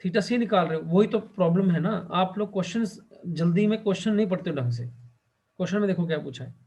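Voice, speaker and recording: A male teacher lecturing a class, who keeps asking the students questions and fills his pauses with the same short check-in phrase. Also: sits high, darkish tone. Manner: quizzes students and fills pauses with "theek hai".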